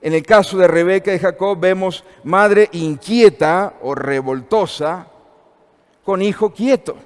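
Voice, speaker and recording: A man's voice: high voice, a little slow, in a large hall. A man in his fifties with an Argentine accent, teaching a church seminar in a conversational way and asking the audience questions. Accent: Argentine Spanish.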